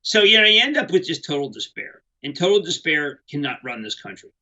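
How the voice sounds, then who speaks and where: A man's voice: on the high side, big pitch swings, a little fast, pushed and bright, highs cut off. A middle-aged man giving unscripted market commentary, rambling and emphatic with many restarts.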